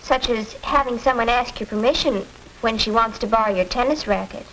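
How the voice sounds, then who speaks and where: An actress playing an earnest, fair-minded teenage daughter in a stagey 1940s educational film. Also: female voice, a little high, a little fast, fairly bright tone. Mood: earnest, pointed. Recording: crackly 1940s film soundtrack.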